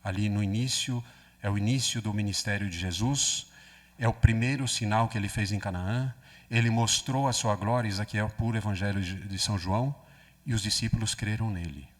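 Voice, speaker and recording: A priest gives a conversational teaching talk, often checking in with the group. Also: male voice, fairly low pitch, a little fast. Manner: conversational, often asks listeners "né?". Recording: long hall reverb.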